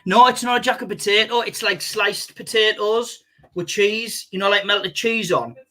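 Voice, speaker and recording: A young man with a high, bright voice, chatting casually as co-host. He tells sweary stories with lots of energy and laughs at himself. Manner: animated storyteller, quick to laugh at himself. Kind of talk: casual banter, swearing anecdotes.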